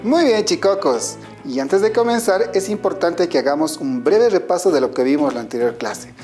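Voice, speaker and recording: With a Bolivian Spanish accent, a man delivers a scripted online lesson in a fairly high, animated voice at normal speed, music playing in the background. His pitch rises and falls a great deal as he explains each point clearly, and he turns to his students with questions.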